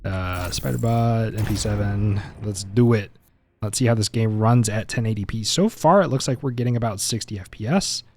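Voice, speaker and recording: A man's voice: fairly low pitch, moderate pace, darkish tone. A man giving casual, opinionated gameplay benchmark commentary, chatty and mildly exasperated. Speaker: gaming content creator.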